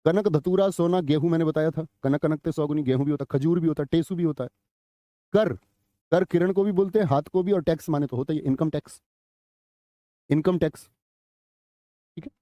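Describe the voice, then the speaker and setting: Man, live online class teacher, high voice, dry close sound. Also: brisk, pauses often, dark tone, dry recording. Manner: conversational, quizzes students, reads chat comments aloud. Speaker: Hindi teacher.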